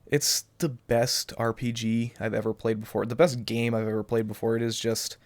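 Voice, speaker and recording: Still sounding slightly flu-affected, a young man who makes gaming videos answers viewer questions to camera on a cheap webcam. He rambles hesitantly, restarting often and saying um a lot, in a medium-pitched voice with little pitch movement at moderate speed. There's no room sound.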